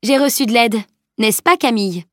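A fierce young warrior woman speaks with lifted warmth in a storybook reading, voiced by a woman. The voice is a touch higher than the narration. The sound is close and dry. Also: normal speed, dry recording, close to an everyday voice.

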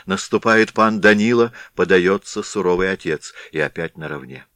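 A man narrating a classic tale in a measured, dramatic storytelling manner, recorded in a studio. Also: low-pitched, fairly bright tone, no echo. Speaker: audiobook narrator.

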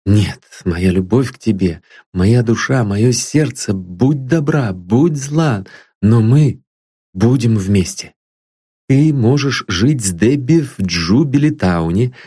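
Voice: mid-range voice, mellow, breathy edge, pitched above the performer's own voice. A reader doing a tender young suitor. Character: poor young man, tender and earnest. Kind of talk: audiobook reading.

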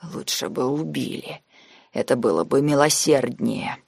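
A woman voicing a weakened, bitter young man in an audiobook, his voice hoarse and strained. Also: on the low side, very animated, takes it slowly, no echo, clean studio sound, exaggerated voice. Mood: despairing whisper. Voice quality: hoarse whisper turning to rasping shouts.

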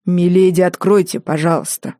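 Woman voicing a calm castle keeper, measured, polite, low mellow tone, audiobook. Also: no room sound, studio quality, lightly acted. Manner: slow, measured, deferential.

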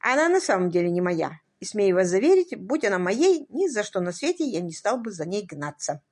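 A woman voicing a cool, cynical gentleman motorist with a dry, ironic manner in a read-aloud story. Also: mid-range voice, big pitch swings, brisk.

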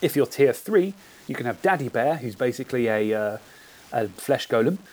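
A man hosting a casual podcast, chatting in an animated way and explaining things at length. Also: mid-range voice, moderate pace, rough recording. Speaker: podcast host.

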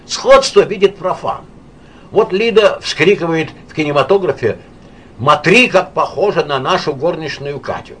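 A man's voice: medium pitch, slight background noise, natural voice. A man reading an audiobook, playing a blunt, boisterous male painter who talks in a brash, offhand, lecturing way.

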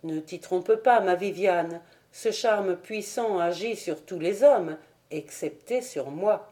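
A woman's voice: fairly low pitch, slow, warm tone. A woman reading the lines of an old male wizard bard in a grave, solemn manner in an audiobook.

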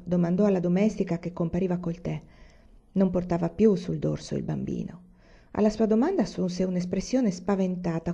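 Female audiobook reader, calm and measured, mellow dark tone, lo-fi recording. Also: on the low side, vocal fry, husky. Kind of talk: audiobook reading of a novel.

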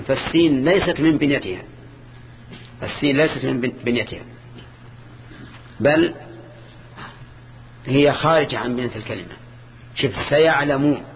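An older man teaching grammar in a classroom lesson, measured and repetitive, quizzing his students. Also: mid-range voice. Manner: measured, repeats key terms, quizzes students. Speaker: sheikh teaching Arabic grammar. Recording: dull lo-fi old lesson tape, faint hiss.

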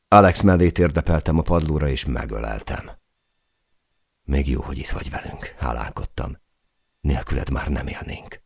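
A man's voice: rumbling low, creaky, no echo. A man reading an audiobook in a dramatic style, recorded close in a studio. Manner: dramatic reading, shouting out the quoted cries. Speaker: audiobook narrator. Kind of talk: scripted audiobook narration.

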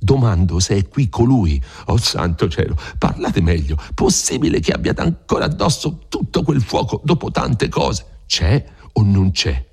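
A man's voice: lowish voice, sing-song, a little slow, few pauses, darkish tone, breathy edge, full character voice. A man voicing an impetuous, stubborn young peasant who speaks bluntly and insistently in a storybook reading.

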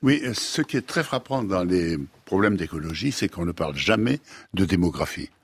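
Gravelly deep man, precise guest. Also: lively intonation, dry recording. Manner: precise, deliberate. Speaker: studio guest. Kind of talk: reflective talk. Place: radio studio.

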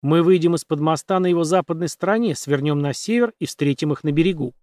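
Man playing an irritable schemer who hisses his orders, slightly high voice. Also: fast talker, no echo, studio quality, natural voice. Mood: urgent, hushed. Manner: hushed, urgent. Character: terse, irritable man leading a covert chase.

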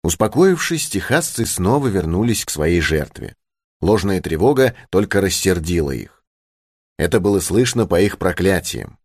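A man reads a novel aloud with expressive, lively intonation. His voice sits low. The recording is dry and close-miked. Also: normal speed, breathy edge, no room sound. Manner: expressive storytelling. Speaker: audiobook narrator. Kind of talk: scripted narration.

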